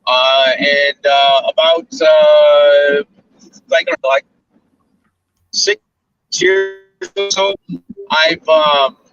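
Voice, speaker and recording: A man from Arizona in his forties, a guest talking over a video call from inside a moving car, with audio that keeps breaking up. He speaks haltingly, with lots of fillers and restarts. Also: fairly high pitch, steady tone, fairly bright tone, no echo, faint music behind. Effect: choppy breaking-up call audio. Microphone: phone or laptop on a video call. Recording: distant, dull lo-fi call audio with faint car noise.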